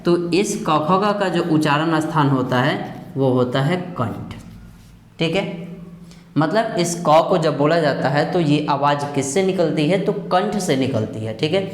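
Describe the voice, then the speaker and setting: A man teaching a grammar lesson with a Bihar Hindi accent, speaking slowly and repeating himself, asking questions and then answering them. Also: fairly high pitch, lively intonation. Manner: slow and repetitive, asks questions and answers them, says "ठीक है" often. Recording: echoey room with long reverb.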